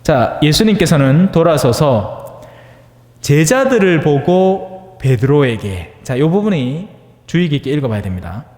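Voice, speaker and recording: Lively priest preaching in a hall. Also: male voice, a little high, a little slow. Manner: conversational, asks the audience for agreement; acts out voices in dialect-tinged asides. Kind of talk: homily on the Gospel.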